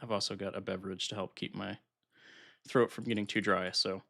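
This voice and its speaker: This deep, gravelly-voiced man speaks fairly quickly on a casual live stream, talking himself through his computer setup. He's getting over being sick, so he's slightly congested and a little nasal, but stays relaxed as he works through the software aloud.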